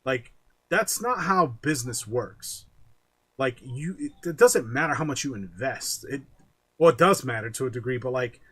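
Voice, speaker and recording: A husky-voiced man on a casual podcast, building into loud, animated rants full of swearing. He keeps slipping into quick mimicking voices for the people he complains about. His tone is rough and breathy rather than smooth. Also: mid-range voice. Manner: animated ranting, swears often, acts out quoted voices. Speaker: podcast co-host.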